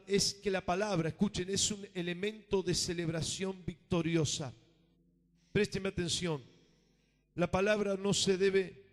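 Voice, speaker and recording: A high-voiced man preaches a fervent sermon from the pulpit. He pushes lines out loudly, then drops to a near hush, and keeps calling the room for an amen. His voice carries with a long church-hall reverb. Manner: emphatic preaching, calls for amen, swings between loud and hushed. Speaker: pastor. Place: church sanctuary.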